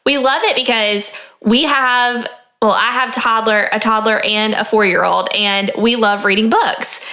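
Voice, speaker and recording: Bright, upbeat woman podcast host. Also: a little high, fairly even intonation, a little slow. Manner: upbeat, enthusiastic. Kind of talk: casual podcast chat.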